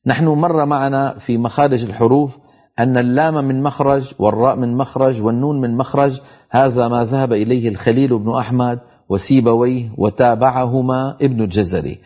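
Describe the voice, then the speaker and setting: A man's voice: medium pitch, warm tone. Middle-aged man explaining quran recitation rules, drags out the examples, kinda muffled tv sound. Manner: explains rules slowly, then recites example words drawn out. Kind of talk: televised tajweed lesson.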